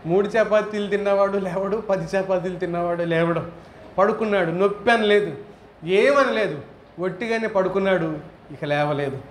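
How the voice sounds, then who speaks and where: A man's voice: sits high, moderate pace. A man preaching a sermon, firing rhetorical questions and rising into emphatic outbursts. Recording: echoey hall with faint ambient noise.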